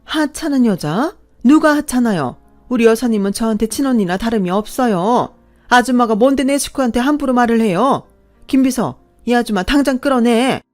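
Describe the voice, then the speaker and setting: A woman with a slightly high, somewhat mellow natural voice and lively intonation plays a wealthy, fiercely protective middle-aged woman, speaking at a moderate pace. She sounds indignant and commanding as she gives orders, with soft music in the background.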